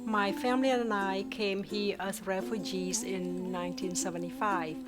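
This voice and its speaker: A woman's voice: medium pitch, steady tone, moderate pace. A woman with a mid-range voice speaks earnestly in an interview. Strong music plays behind her.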